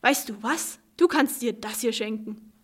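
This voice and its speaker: Jovial storybook man, upbeat and friendly, raised pitch, louder than narration, as a woman reads him. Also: measured pace. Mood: cheerful. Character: cheerful, easygoing friendly man.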